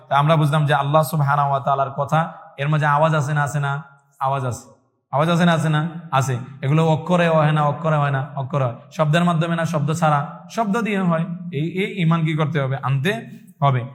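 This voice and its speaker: A male Islamic teacher delivers a religious lesson in a somewhat high voice, posing questions and answering them himself. He repeats key points and chants Arabic verses. A long reverb trails behind his voice. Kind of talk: religious lesson in call-and-response.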